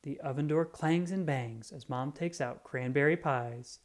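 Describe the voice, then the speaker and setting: Reading a kids' picture book aloud, the speaker uses an expressive, storyteller's manner. The pitch is medium, and the pace is slightly slow.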